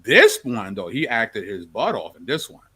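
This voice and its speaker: A man hosting a casual movie review podcast, quick to agree with the others. His pitch rises and falls a lot as he talks. He sounds easygoing and conversational. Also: wildly swooping pitch, pushed and bright, breathy edge. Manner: affirming, lots of back-channel agreement.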